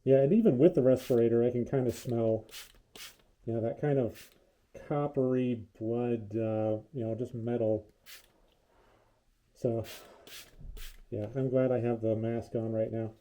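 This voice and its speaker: A man talking through a respirator mask, so his voice sounds muffled, as if from behind a wall. He gives a relaxed, rambling how-to walkthrough with lots of fillers. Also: medium pitch, a little slow, long pauses. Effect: muffled as if through a wall, speaking through a respirator mask. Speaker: DIY hobbyist demonstrating a paint finish. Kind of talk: casual how-to narration.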